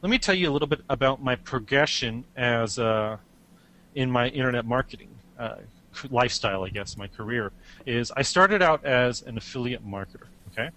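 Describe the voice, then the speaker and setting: Webinar presenter, upbeat chatty man, mid-pitched voice, quick restarting bursts. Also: bright, forceful tone, poor audio.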